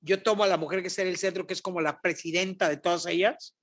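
A middle-aged Mexican woman appears as a guest prophet on a podcast, telling a lively faith story. She talks fast in a voice on the low side, animated as she acts out the dialogue.

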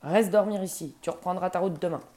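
A woman reading a storybook and voicing a grumpy, short-tempered male ogre who barks his lines loudly. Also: fairly low pitch, brisk, close to an everyday voice. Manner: loud, barking commands.

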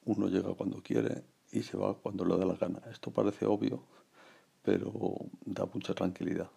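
Gravelly low-voiced man around sixty. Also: flat delivery, moderate pace, warm tone. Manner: rambling, reflective, many fillers and restarts. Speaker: podcast host. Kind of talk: casual personal monologue.

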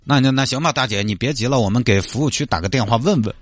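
A man playing an exasperated highway traffic cop who keeps scolding a stranded driver with incredulous questions in a comedy skit. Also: quick pace, no room sound, clean studio sound, soft background music, natural voice.

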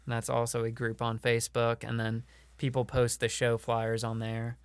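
A man's voice: medium pitch, monotone, normal speed, clear, resonant tone, no echo. A man chatting casually as a podcast guest, rambling with lots of fillers and frequent laughs. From Illinois. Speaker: podcast guest, comedian and show producer.

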